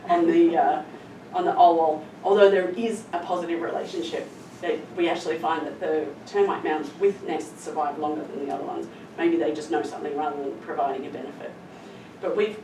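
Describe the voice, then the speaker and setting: A middle-aged woman with a slightly low voice gives an earnest, emphatic talk, explaining and storytelling as she goes. She is recorded from a distance in a roomy, echoey space. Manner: earnest, emphatic with stressed adverbs. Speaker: conservation scientist presenting. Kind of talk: public presentation, explanatory storytelling. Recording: roomy echo, distant mic, clear background noise.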